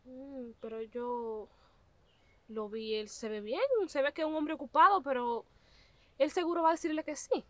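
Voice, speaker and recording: In a web drama, a young actress plays a humble but determined visitor who politely keeps insisting, standing outdoors by a farm gate on a country lane. Her voice is high, her speed normal, and the acting light.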